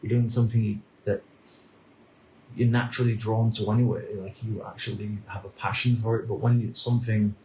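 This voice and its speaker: A man in his thirties from the United Kingdom, talking through a reflective personal monologue in a halting way, often repeating words and restarting sentences. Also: fairly low pitch, little pitch movement, a little mellow, reverberant, a little hiss or hum, poor audio. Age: 30s. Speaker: vlogger.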